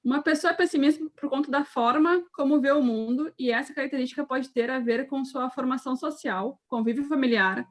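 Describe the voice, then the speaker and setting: A woman's voice: high-pitched, a little fast, hardly any pauses. A woman of thirty from Rio Grande do Sul, co-hosting a podcast with an upbeat delivery, chatting and reading scripted parts. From Rio Grande do Sul, Brazil. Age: 30s. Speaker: podcast co-host.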